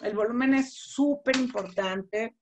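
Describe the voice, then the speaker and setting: A woman's voice: fairly high pitch, measured pace, slight background noise. A middle-aged woman with a Mexican accent, teaching public speaking in an online class over a computer mic, conversational and explaining with spoken examples. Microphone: computer mic on a video call.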